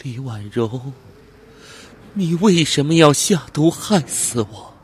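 A man voicing the pale ghost of a poisoned young woman in a dream, speaking slowly and eerily, in an accusing tone, in an audiobook. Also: fairly high pitch, expressive, slight background noise, pitched above the performer's own voice. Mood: mournful. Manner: slow, eerie, accusing. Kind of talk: audiobook character voice.

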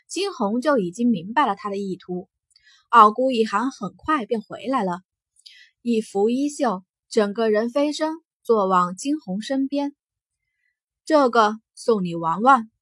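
A woman narrating a fantasy novel as an audiobook in a steady, expressive storytelling manner. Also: a little high, husky, dry recording.

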